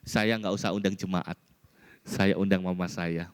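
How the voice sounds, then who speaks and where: A male pastor from Indonesia preaching a sermon, telling personal stories in an animated way. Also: deep voice, normal speed, clean tone. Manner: storytelling preacher, animated, mimics voices in anecdotes. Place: church hall. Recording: church hall reverb.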